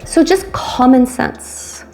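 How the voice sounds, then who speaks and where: A woman in her fifties chats straight to camera from a room at home. She is animated and talkative, rushing through asides, then slowing right down to stress a point. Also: high-pitched, in a whisper. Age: 50s. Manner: chatty, animated, swings between quick asides and slow stressed phrases. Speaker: retirement vlogger and coach. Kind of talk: casual talk to camera.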